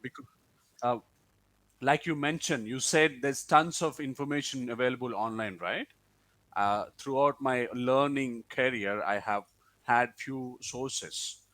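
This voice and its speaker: A man's voice: medium pitch, measured pace, fairly bright tone. A man who is not a native English speaker, answering interview questions in a hesitant way with restarts.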